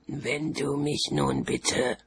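A man voicing a frail old wizard servant who sounds raspy, strained and whiny. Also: mid-range voice, sing-song, drawn-out words, noisy background, voice pushed up, heavily acted. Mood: pleading. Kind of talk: audiobook character voice.

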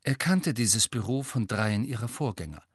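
A man's voice: mid-range voice, animated, moderate pace, breathy edge, no echo, clean studio sound. Man reading an audiobook. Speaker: audiobook narrator. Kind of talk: scripted narration.

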